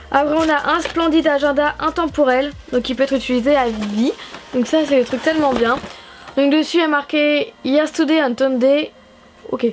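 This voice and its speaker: High-voiced gushing young Frenchwoman. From France. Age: young adult. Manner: gushing, enthusiastic, chatty with fillers. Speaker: YouTuber unboxing stationery. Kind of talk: casual vlog unboxing.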